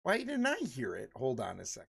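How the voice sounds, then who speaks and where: A man's voice: medium pitch, wildly swooping pitch, normal speed, gravelly, fairly bright tone, slightly rough. A man in his forties chatting casually with his livestream viewers, rambling and laughing often. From Michigan. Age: 40s. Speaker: livestream host.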